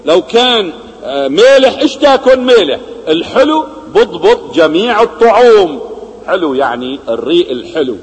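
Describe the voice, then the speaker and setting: Male preacher, raised pitch, questioning style, hall reverb. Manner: rhetorical questions, swings between loud emphasis and low quiet asides. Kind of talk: religious lesson.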